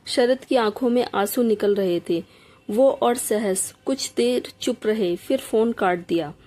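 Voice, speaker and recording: A woman reading a heartfelt family story aloud as a storyteller, in a steady, emotional reading voice. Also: a little high, unhurried. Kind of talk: scripted story narration.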